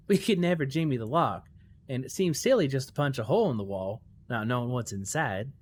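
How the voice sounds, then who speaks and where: A woman reading an audiobook, voicing a laid-back male pony farmer who talks casually, even while chewing. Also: very deep voice, moderate pace, a little hiss or hum, pitched below the performer's own voice. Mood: easygoing. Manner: casual, talks with his mouth full. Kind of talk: audiobook character voice.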